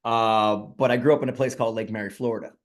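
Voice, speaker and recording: A Puerto Rican man who leads a real estate team appears as a guest speaker on a video call, giving an energetic, rallying presentation in a conversational style full of fillers. His voice is on the low side and steady, and he speaks quickly.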